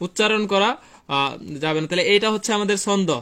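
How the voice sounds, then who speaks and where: High-pitched young man teaching physics. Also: fast talker, sharp tone. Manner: repetitive, asks students questions and reads their answers; colloquial, chatty, tells classroom anecdotes. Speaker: physics tutor. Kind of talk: live online class.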